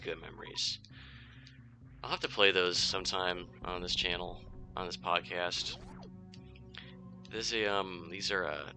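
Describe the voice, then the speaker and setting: A young man in his twenties with a low voice full of gravelly fry rambles through a gaming podcast as he plays. His tone is strikingly bright and forceful, and he swears freely. He keeps stopping and restarting his sentences in a loose, candid way. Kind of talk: casual rambling chat while playing a game.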